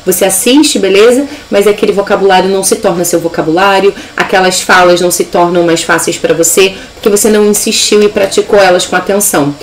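A woman with a Brazilian accent leads a live English lesson, upbeat and explaining each step plainly. Her voice sits at a middle pitch. A faint hiss runs behind her. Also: steady tone, fast, hardly any pauses, poor audio. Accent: Brazilian Portuguese. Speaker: English teacher.

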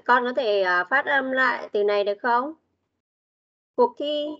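A woman's voice: on the high side, measured pace, dull audio. A Vietnamese woman teaching an English class online, switching between Vietnamese and English as she corrects pronunciation.

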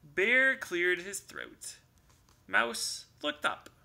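A man reading a storybook aloud to children as a church class teacher, slow and expressive. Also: sits high, creaky.

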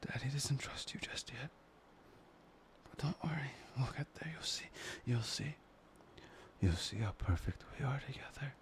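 A man voicing a possessive, obsessive young man in a whispered audio roleplay, murmuring slowly and breathily. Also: medium pitch, animated, close to an everyday voice. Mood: menacing. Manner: murmuring, intimate, slow and breathy.

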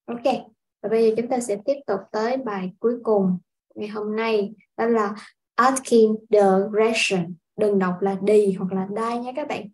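A woman from Vietnam teaching a casual language lesson, explaining step by step in an unhurried way with frequent filler sounds. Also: mid-range voice, fairly even intonation, mellow, poor audio. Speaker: English teacher.

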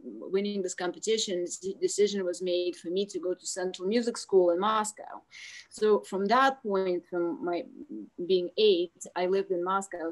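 Russian-accented woman talking on a video call. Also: fairly low pitch. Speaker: guest pianist.

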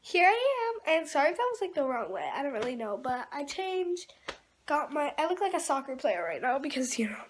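This young teen, 13, talks a little fast in a high voice with big pitch swings, rambling informally as she vlogs from rooms at home. It's a noisy handheld recording, with the camera at arm's length or propped close.

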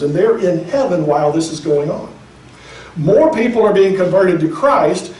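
A man preaching in a mellow, fairly high voice, emphatic one moment and chatty the next. He is heard from a distance in a roomy church hall with audible echo. The delivery is a pastor's sermon. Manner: emphatic, conversational preaching with speculative asides.

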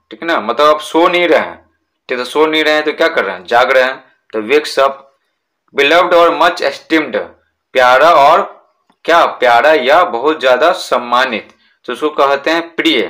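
A man teaching a school lesson in Hindi. He repeats words slowly and asks and answers his own questions. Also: mid-range voice, pushed and bright.

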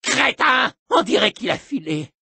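An actor voicing a paranoid, volatile burned male splicer in a video game, with a raspy voice that swings from ranting shouts to muttering. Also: extremely high pitch, sing-song, a little slow, no echo, heavily acted. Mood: jittery paranoia. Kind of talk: game voice acting.

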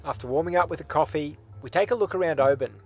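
A man reads steady, upbeat travel narration for a vlog. His voice sits a little on the high side. Music plays clearly underneath. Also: fast talker.

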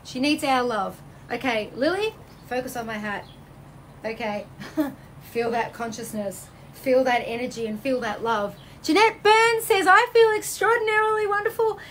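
A woman hosting a live stream as a psychic medium, reading out viewer comments with bubbly, effusive energy that swings between high exclamations and low soothing tones. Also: moderate pace, fairly bright tone, a little hiss or hum. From Australia.

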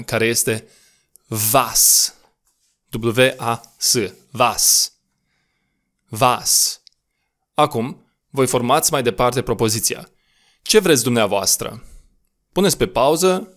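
A man teaching a recorded language lesson, patiently spelling out words and repeating them slowly. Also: mid-range voice.

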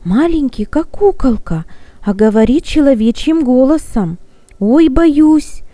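A woman's voice: high voice, lively intonation, measured pace, dark tone, no room sound. A woman voicing a frightened little orphan girl who pleads through her tears. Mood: tearful. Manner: pleading, tearful.

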